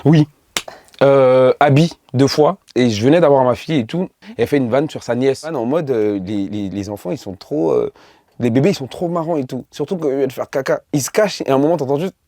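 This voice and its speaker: A young man from Côte d'Ivoire talks through his stage anecdotes, slipping into the voices of the people in them. His tone is mellow and relaxed, at an everyday pitch. The sound is dry and close to the mic. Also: fairly quick, dry recording. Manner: lively storytelling, acting out dialogue. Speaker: comedian guest. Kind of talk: casual interview chat.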